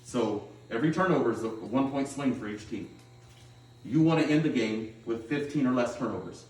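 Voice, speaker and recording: A middle-aged man, a basketball coach, gives his team a pregame pep talk, plain-spoken and instructive, often checking in with a quick okay. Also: mid-range voice, darkish tone. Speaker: high school girls' basketball coach. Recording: roomy echo, distant microphone.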